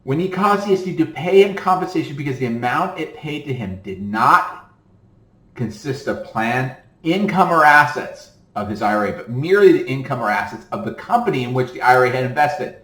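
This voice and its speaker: A man's voice: medium pitch, expressive, fairly quick, a bit bright. Roomy-sounding man explaining law, "okay?". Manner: reads legal text then breaks off to explain, with frequent "okay?". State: voice tiring. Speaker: attorney teaching about self-directed retirement accounts. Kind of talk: casual explanatory lecture, reading a court ruling aloud.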